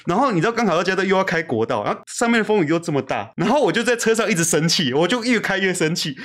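A young man with a Taiwanese Mandarin accent, hosting a podcast and telling stories in an animated way. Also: high-pitched, rapid-fire. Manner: animated storytelling, acts out quotes loudly. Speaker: podcast host. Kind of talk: casual chat.

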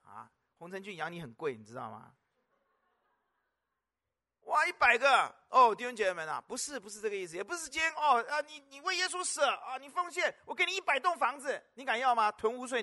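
Male pastor for a sermon: high, bright voice with wide pitch swings, emphatic, repeats phrases and keeps asking the congregation questions. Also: big pitch swings, fast, hardly any pauses.

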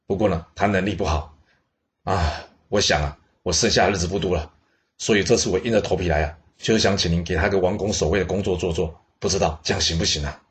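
A man voicing an elderly court minister who speaks slowly, politely and persuasively. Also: low-pitched, natural voice. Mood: coaxing.

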